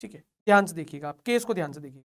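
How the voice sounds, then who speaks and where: A young man teaching an online lecture, excited and playfully scolding his students, mixing Hindi and English. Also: fairly high pitch, racing, creaky.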